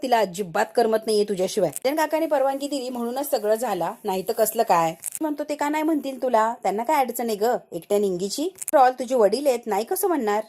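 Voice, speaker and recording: Female recap narrator, slightly high voice, tells the episode as a story and reads all the dialogue herself. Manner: voices every character's lines herself in a lively retelling.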